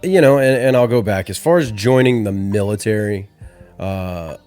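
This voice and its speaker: A man in his forties from Georgia, a podcast guest telling stories in a rambling, animated way. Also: on the low side, normal speed, faint music behind. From Atlanta, Georgia. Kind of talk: casual storytelling.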